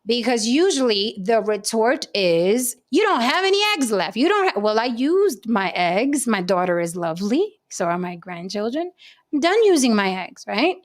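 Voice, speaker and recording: A woman's voice: fairly high pitch, sing-song, moderate pace. Chatty woman host in her forties. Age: 40s. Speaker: talk show host. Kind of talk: casual panel chat.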